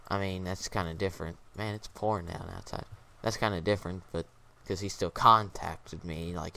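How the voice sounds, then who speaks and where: A man giving a casual, rambling gameplay commentary rant, aggrieved and halting, with lots of fillers. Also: fairly low pitch, bright, forceful tone, smooth. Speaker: gaming YouTuber.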